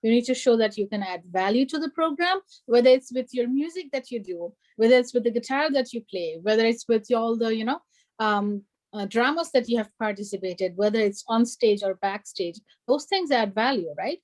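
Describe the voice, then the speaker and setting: A young woman from Bangladesh who grew up in Germany speaks in an earnest, emphatic way, dotting her points with "you know" and "like". Her voice sits fairly high. She comes across as an alumna sharing advice on a panel talk. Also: lively intonation, fairly quick, a little mellow, rough recording. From Bangladesh, raised in Germany.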